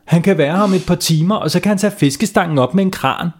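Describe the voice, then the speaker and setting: A man's voice: high voice, pitched above the performer's own voice. A man voicing an upset little boy in a children's audio story, speaking in a raised, whiny voice. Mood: flustered. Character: crying little boy who lost his fishing rod.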